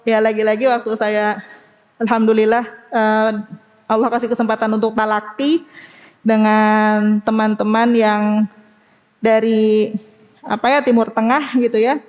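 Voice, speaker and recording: A woman from Indonesia teaching Quran recitation in a study class, explaining fast and then sounding out Arabic letters slowly. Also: a little high, level tone, a little mellow, in a large hall, highs cut off.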